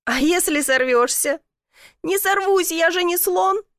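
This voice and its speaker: A woman's voice: very high voice, a little slow, a bit bright, dry recording, studio quality, pitched above the performer's own voice. A woman voicing a clumsy, proud young man who gets stuck and grows flustered, in an audiobook reading.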